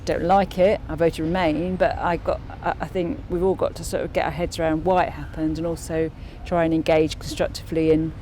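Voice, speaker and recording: A woman speaks as a councillor in an interview, her voice low and mellow. She talks thoughtfully, restarting sentences and filling pauses. Faint outdoor noise sits behind her. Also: level tone. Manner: thoughtful, frequent restarts and fillers. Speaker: local councillor. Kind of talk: interview answers.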